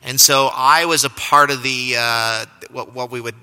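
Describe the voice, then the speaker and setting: A man's voice: mid-range voice, fairly even intonation, a little slow, sharp tone, smooth. A man preaching a sermon, telling a self-deprecating personal story and chuckling at himself. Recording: long reverb of a large hall.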